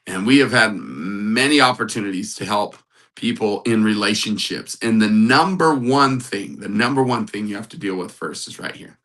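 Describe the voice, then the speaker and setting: A man's voice: fairly low pitch, pushed and bright, low-quality recording. A man hosting a casual live stream as a matchmaker, upbeat, greeting viewers in the chat and repeating motivational phrases. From United States. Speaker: livestream host and matchmaker.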